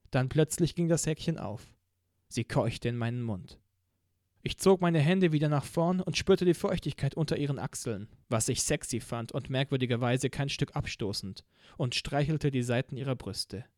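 A man's voice: fairly high pitch, darkish tone, no room sound, clean studio sound. A man reading a first-person audiobook with vivid, dramatic narration.

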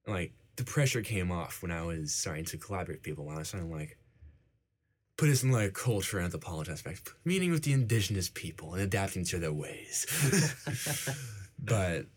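With a husky, low-sitting voice, a young adult man whose first language was Icelandic talks fairly quickly and very animatedly in a casual interview. He fills his speech with "like."

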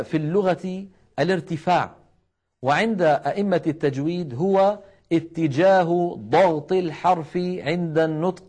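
Man, recitation teacher, studio television lesson, fairly high voice, demonstrates syllables over and over, coaxes viewers to repeat. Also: a little mellow. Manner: repeats letter syllables to demonstrate, urges viewers to try at home.

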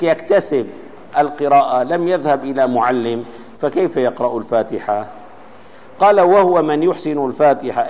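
Man, religious teacher, slightly high voice, explanatory lesson, long hall reverb. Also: darkish tone. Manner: explanatory, quotes texts and demonstrates letter sounds. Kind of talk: Islamic jurisprudence lesson.

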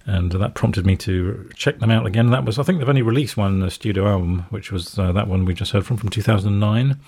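A man's voice: lowish voice, fairly quick, a little mellow, husky. A man co-hosting a music radio show in casual chat, chuckling often and hesitating with fillers.

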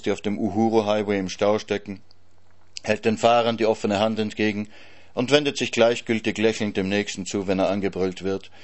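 A man giving a literary reading, sober and measured, with dry ironic asides. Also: lowish voice. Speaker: reader.

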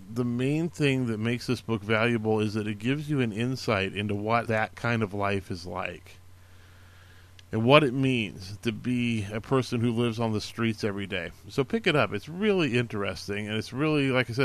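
A man's voice: fairly low pitch, moderate pace. A man hosting a casual show, recommending books in an earnest, encouraging way, with many fillers and restarts. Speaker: podcast host recommending books. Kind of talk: casual spoken book recommendations.

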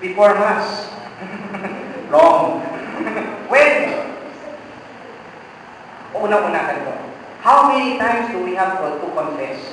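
A priest preaching a sermon, joking and teasing the congregation with quoted voices. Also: male voice, sits high, big pitch swings, extremely slow, long pauses, a bit bright, a little hiss or hum. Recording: echoey hall, mic far off.

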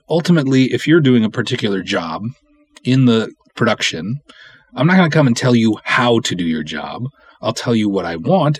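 Hosting his own solo podcast, an independent film writer-director gives frank advice in a medium-pitched voice, with a little hiss or hum on the recording. He's blunt, emphatic and opinionated, and he performs imagined conversations.

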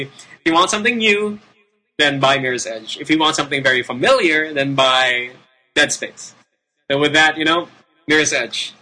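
A Filipino man hosts a casual gaming show. His mid-pitched voice is very bright and sharp, with a Filipino accent. He rambles unscripted and leans emphatically on repeated words. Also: poor audio. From Philippines. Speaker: video game show host. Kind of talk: casual, unscripted game commentary.

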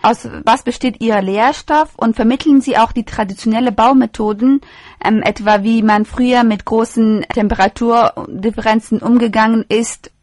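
A woman's voice: fairly high pitch, fairly even intonation, moderate pace, darkish tone, dry recording. A woman hosting a radio show, asking an interview guest formal, polite questions.

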